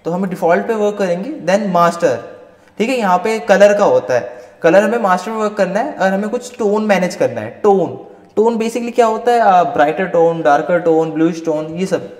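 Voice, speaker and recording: A man's voice: sits high, expressive, moderate pace, darkish tone. A man teaching a live online class. He mixes Hindi and English and keeps checking in with "right?". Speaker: Photoshop instructor. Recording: roomy echoey long reverb.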